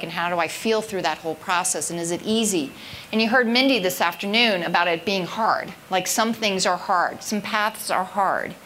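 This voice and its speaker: An effusive woman moderates a panel on stage at a live event, talking in a chatty, upbeat way with plenty of "like" and "you know". Her voice sits at an ordinary pitch, with faint room noise behind her. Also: fairly bright tone. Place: event stage before an audience.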